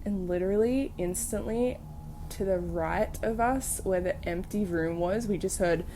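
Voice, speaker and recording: A young woman hosting a casual storytelling podcast, telling ghost stories in an animated, sweary way full of fillers. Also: medium pitch, a little slow, slight background noise. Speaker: podcast host.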